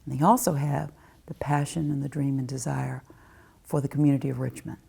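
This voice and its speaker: A woman's voice: extremely low pitch, steady tone, brisk, gravelly, dark tone, slightly rough. A woman in an interview, speaking in a heartfelt, reflective way. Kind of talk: documentary interview.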